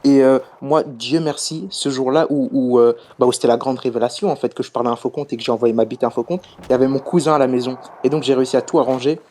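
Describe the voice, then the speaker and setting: Fast-talking, hesitant young man caller. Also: medium pitch, fairly even intonation, darkish tone. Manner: hesitant, many fillers and restarts. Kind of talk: casual confession story.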